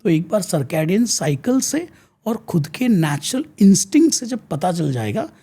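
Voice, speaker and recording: A man's voice: high-pitched, very animated, moderate pace, mellow, slightly rough. An Indian man, a teacher and counsellor, explaining and giving advice in an earnest, lecturing way as an interview guest, switching between Hindi and English mid-sentence.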